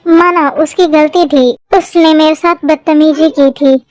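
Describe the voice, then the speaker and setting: Girl doing timid schoolgirl, super high voice, pleading, fan dub, dry sound. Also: fairly even intonation, a little slow, a little mellow, no room sound. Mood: earnest. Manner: pleading, easily tearful. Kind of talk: Hindi fan-dub drama.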